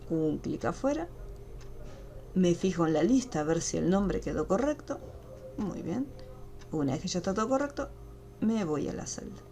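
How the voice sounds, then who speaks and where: A woman's voice: lowish voice, big pitch swings, moderate pace, vocal fry, long pauses, dark tone, soft background music. A woman teaching an online class over a video call, explaining each step patiently. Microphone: computer mic on a video call.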